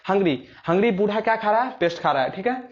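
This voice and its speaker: Young guy teaching exam tricks, high voice, jokey storytelling, kinda dull lo-fi sound. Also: animated, fast. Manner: playful storytelling, acts out little scenes in rustic dialect. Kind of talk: explaining memory tricks for exams.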